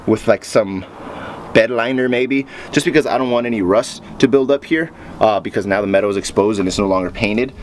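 A man's voice: fairly low pitch, slight background noise. Chatty man working on his car. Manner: relaxed, chatty, explains as he works. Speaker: car project vlogger. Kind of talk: casual garage vlog.

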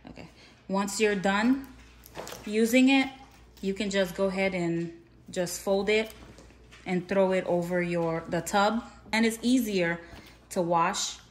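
A chatty woman films her large, bright home, kitchen and playroom included, on a handheld phone camera for a casual clean-with-me vlog, rambling and correcting herself. Her mid-range voice stays steady and slow with frequent pauses, and the echoey recording has a little hiss or hum.

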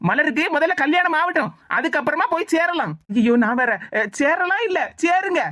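A woman's voice: extremely high pitch, expressive, a bit bright. A woman voicing a teasing cartoon village woman. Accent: Tirunelveli Tamil. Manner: teasing, quick banter.

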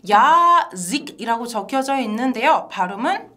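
Animated woman hosting a language lesson. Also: fairly high pitch, measured pace. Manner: bright and animated, laughs often, asks questions to engage viewers. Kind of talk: lively two-person language lesson.

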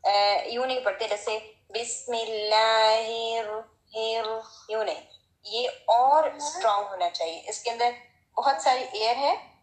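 Slow, patient woman teaching recitation. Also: a little high, echoey room, low-quality recording. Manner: slow, patient, demonstrates sounds with strong breathy h. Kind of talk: Tajweed lesson.

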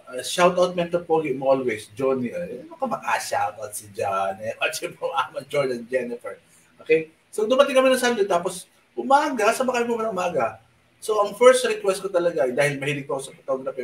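Soft-spoken man chatting in a roomy space. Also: mid-range voice, distant mic, a little hiss or hum. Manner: rambling, chatty storytelling with frequent fillers; speaks softly on purpose at night. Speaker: online show host. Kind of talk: casual live-stream chat.

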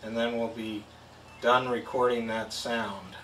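Speaking at a measured pace, a middle-aged product demonstrator gives a plain-language, step-by-step demo in a mid-range voice that's steady and fairly bright. The indoor tabletop setup has a backdrop, and the audio is echoey, with a distant mic and background noise.

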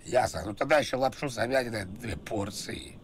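A man's voice: mid-range voice, brisk. A man making a prank call to order food, rambling and repeating himself with frequent tag questions. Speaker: prank caller and streamer. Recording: noisy background hiss and ambience.

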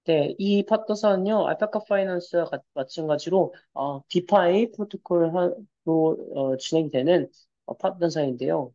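Interpreter, man, formal polite delivery with hesitations; rapid and slightly high, dull lo-fi recording. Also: dark tone. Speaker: Korean interpreter. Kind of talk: consecutive interpreting in a webinar.

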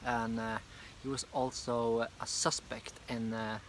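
Filming himself with a phone at arm's length, a Norwegian-accented young vlogger who draws comics gives a loose, filler-heavy review from a park bench by a hedge. His mid-range voice is flat and a little slow, with slight noise in the background.

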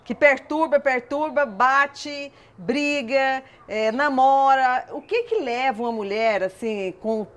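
A woman's voice: high-pitched, slow pace, hardly any pauses, fairly bright tone. A woman from Brazil hosting a countryside cooking show, chatting and asking her guest questions. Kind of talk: casual TV interview.

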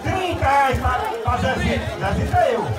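A middle-aged Brazilian man working as an auctioneer, chanting bids in loud, repetitive sing-song calls with drawn-out amounts. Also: very high voice, lively intonation. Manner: loud projecting to a crowd. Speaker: auctioneer at a church festival charity auction. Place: large outdoor church yard at night, festival crowd. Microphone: handheld mic over PA, filmed by phone from nearby. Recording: echoey distant capture, loud crowd noise.

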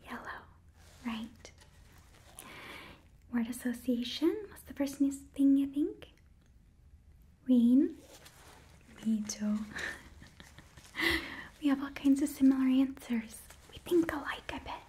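A young woman in her twenties with a Midwestern American accent, doing a gentle, coaxing whispered role-play as a school nurse, close to the mic. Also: high-pitched, unhurried, pauses often, a little hiss or hum. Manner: gentle, coaxing, as if tending a child. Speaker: ASMR performer playing a school nurse. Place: small indoor room set up as an office.

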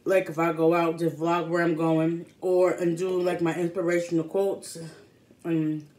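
A woman's voice: fairly low pitch, level tone, a little slow, darkish tone. A woman in her thirties chatting casually to the camera as she eats, often talking between bites. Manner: talks between bites, mouth often full. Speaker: mukbang vlogger. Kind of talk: casual chat to camera while eating. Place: small room at home, indoors. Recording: clear background room noise.

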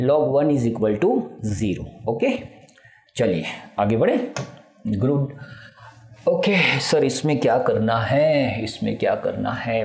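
A man's voice: mid-range voice, mellow. A male math teacher working through integration problems step by step, often checking in with his students. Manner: explains step by step, keeps checking in. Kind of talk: classroom math lesson. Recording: roomy echo.

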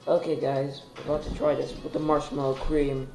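A young boy filming himself in a home kitchen on a phone, chatty and excitable, full of fillers and calls of "guys". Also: fairly high pitch, fairly quick, faint music behind, rough recording. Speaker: home cooking vlogger. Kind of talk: casual cooking vlog. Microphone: phone camera held close.

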